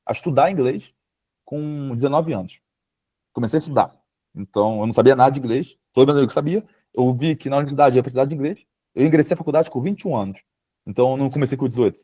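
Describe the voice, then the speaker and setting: A man's voice: medium pitch, warm tone. A man in his late twenties with a Brazilian Portuguese accent, speaking casually over a video call as a webinar guest, dotting his talk with fillers. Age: late 20s. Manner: informal, frequent fillers like "sabe?" and "tipo". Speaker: guest speaker, power systems engineer. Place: home, remote video call.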